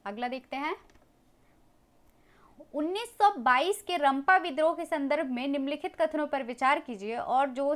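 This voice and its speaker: A woman teaching a history lesson, briskly working through exam questions and talking to viewers as friends. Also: high voice. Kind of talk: exam MCQ walkthrough lesson.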